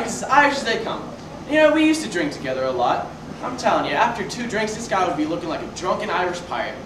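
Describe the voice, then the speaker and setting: A young man playing a ranting barfly who spins a rambling tall tale in a stage comedy sketch, stopping himself mid-story and working up to shouts, heard from far off in an echoey school auditorium. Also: high-pitched. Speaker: student performer in a variety show sketch. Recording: echoey hall, mic far off, noisy.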